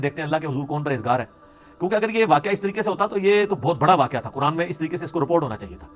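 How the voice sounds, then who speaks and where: A man from Pakistan, an Islamic scholar, giving a conversational religious lecture with sarcastic asides. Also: high voice. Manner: explanatory, conversational with sarcastic asides and Punjabi interjections.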